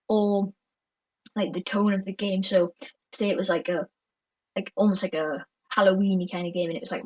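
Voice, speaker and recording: A woman's voice: mid-range voice, dry recording, distant mic, dull audio. A woman co-hosting a casual podcast, rambling and filling her talk with "like" and "kind of.". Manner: rambling, heavy use of "like" and "kind of". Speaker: podcast co-host.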